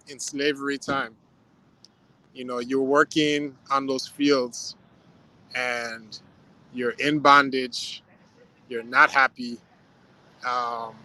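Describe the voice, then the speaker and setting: A man's voice: mid-range voice, bright, forceful tone, poor audio. A man chatting casually on a livestream, telling a story in a reflective way with lots of "you know" and "um".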